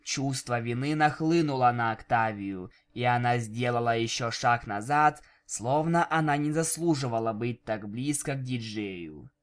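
A man narrating a fan-fiction audiobook with expressive storytelling. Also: medium pitch, a little slow, hardly any pauses, clean tone. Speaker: audiobook reader.

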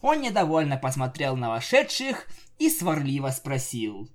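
A man narrating a comic fan fiction story with lively, jokey asides. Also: medium pitch, moderate pace. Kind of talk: comic audiobook reading.

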